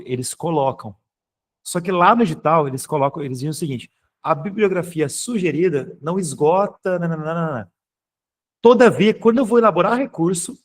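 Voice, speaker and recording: A man with a Brazilian Portuguese accent teaching a grammar class online, explaining step by step and checking in with students often. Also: fairly high pitch. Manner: explanatory, keeps checking in with "tá?" and "beleza?"; informal, occasionally swears.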